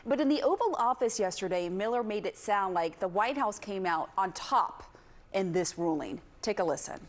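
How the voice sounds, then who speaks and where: A female news anchor with a middle-pitched voice sets up clips and hands off to her reporter. Her delivery is crisp and guiding. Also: expressive, normal speed.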